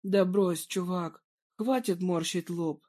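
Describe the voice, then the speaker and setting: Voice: medium pitch, fairly even intonation, slow pace, a little mellow. A reader voicing a bruised young man who answers with wry, easygoing humour in a story reading. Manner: wry, laid-back.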